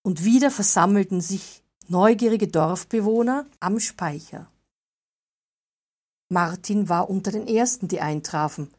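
A woman calmly reading a fairy tale aloud as narrator. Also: mid-range voice, moderate pace, few pauses. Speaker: storyteller.

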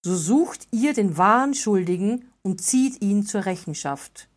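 A woman voicing a proud, self-assured male druid in a storybook reading, with firm, measured, formal speech. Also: mid-range voice, lively intonation.

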